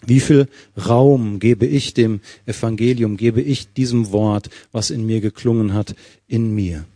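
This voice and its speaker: Ein Mann, der lebhaft predigt, einen Bibeltext Vers für Vers auslegt und der Gemeinde Fragen stellt. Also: male voice, fairly low pitch, no room sound. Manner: lively preaching, verse by verse, with questions to the congregation. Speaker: preacher. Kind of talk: sermon.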